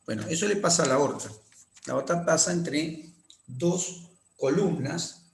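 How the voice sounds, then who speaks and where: A man lecturing on anatomy, explaining slowly, repeating key terms and often checking that students follow. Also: medium pitch, creaky. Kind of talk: classroom lecture with drawing demonstrations. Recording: echoey room.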